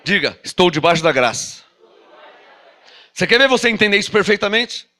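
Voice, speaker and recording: A man preaching a sermon as an apostle with a Brazilian Portuguese accent, animated and full of rhetorical questions, acting out doubters. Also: high-pitched, a little fast.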